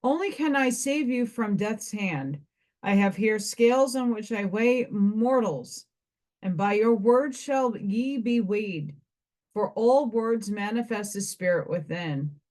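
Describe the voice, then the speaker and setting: A merciful male spirit of life who sets conditions for mortals in a measured, ceremonial voice, read out by a woman. He speaks slowly and evenly. It sounds like a plain reading voice rather than a character voice. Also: mid-range voice, a little mellow, lightly acted. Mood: solemn.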